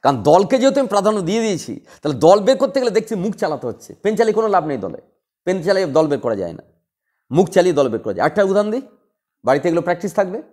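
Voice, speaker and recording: A man teaching a class, drilling students with quick repeated questions. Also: sits high, sing-song, a little mellow. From West Bengal. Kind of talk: classroom lecture.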